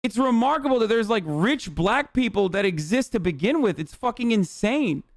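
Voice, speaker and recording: A man's voice: sits high, animated, normal speed, no room sound, clean studio sound. A male livestream host on a heated, profane rant, talking angrily and with heavy emphasis.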